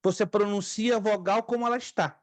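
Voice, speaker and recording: A man's voice: high voice, fairly even intonation, brisk, dry recording. A man teaching a theology class as a pastor, patiently drilling Greek pronunciation and repeating key points. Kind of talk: online Greek lesson.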